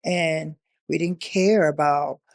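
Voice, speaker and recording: A woman from Newark, New Jersey, a guest sharing her life story in a reflective, halting way. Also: deep voice, fairly even intonation, gravelly, no room sound, clean studio sound. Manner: reflective, halting, with frequent fillers. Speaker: interview guest. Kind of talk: candid personal storytelling.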